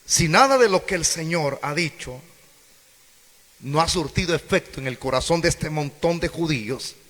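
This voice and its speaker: A man's voice: a little high, animated, normal speed, fairly bright tone. A man preaching a sermon, questioning the congregation and acting out quoted voices. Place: church hall. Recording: echoey church hall.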